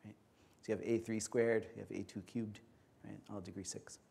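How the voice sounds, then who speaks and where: A man giving an academic conference lecture in an auditorium, explaining step by step in a measured way. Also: on the low side, little pitch movement, gravelly, dark tone, slightly rough.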